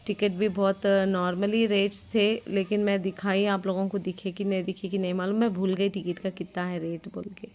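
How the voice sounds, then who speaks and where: A woman's voice: mid-range voice, a little mellow. Chatty young woman. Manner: rambling, chatty and complaining, with many fillers. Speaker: vlogger. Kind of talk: casual vlog narration.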